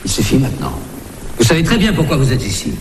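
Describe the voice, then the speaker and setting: A man's voice: medium pitch, wildly swooping pitch, fast talker, noisy background. An actor playing a stern, authoritative man who orders a captive woman to undress, heard in a film clip. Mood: commanding. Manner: curt, authoritative. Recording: film audio, reverberant hall with ambience.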